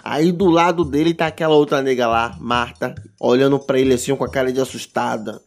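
A man's voice: mid-range voice, steady tone, fairly quick. A man with a Bahian Brazilian accent hosts a podcast in a casual, comedic monologue, using street slang, swearing and emphatic repetition. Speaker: podcast host.

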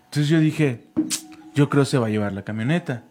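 A man's voice: mid-range voice, moderate pace, background noise. A man with a Mexican accent, a pastor co-hosting a podcast, who tells personal stories casually and drops English phrases in. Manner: storytelling with English phrases mixed in. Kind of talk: casual devotional podcast chat.

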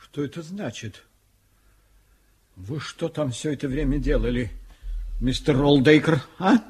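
An actor playing a gruff police inspector in a radio play, official and blustering in manner. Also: male voice, a little high, unhurried, darkish tone. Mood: stern, indignant. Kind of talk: theatrical radio-play dialogue.

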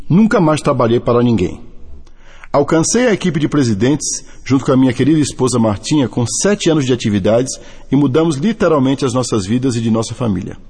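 With a Brazilian Portuguese accent, a middle-aged man from Bahia who works as a network marketing distributor earnestly and deliberately reads a scripted testimony and its translation. His voice is medium-pitched, darkish and husky, heard through long hall reverb.

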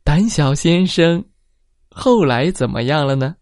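Woman, bedtime storyteller for children, low voice, lively sing-song pitch. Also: dry recording, studio quality. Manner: gentle, slow, sing-song.

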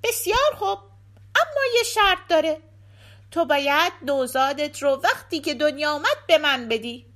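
Lady doing a wicked old witch, shrill and loud, gloating, swoops way up high. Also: animated. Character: wicked old female witch, gleeful and cruel.

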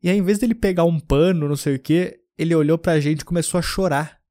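Hosting a podcast, a young man from southern Brazil tells rambling, loose stories in casual chat, often starting his sentences over. He talks quickly, and his voice is a little high and mellow.

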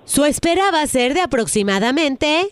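A woman puts on a high-pitched phone menu voice. It recites silly tips like a recorded line, deadpan and measured, as in a prank call. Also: crowd noise.

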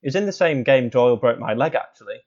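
A man as co-commentator on a spoof football show, with a deadpan, cynical pundit delivery. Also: medium pitch, fast, lo-fi sound.

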